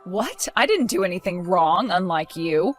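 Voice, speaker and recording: A woman's voice: lowish voice, expressive, normal speed, soft background music. A woman voicing a protective young mother in a dramatized story, accusing and sarcastic.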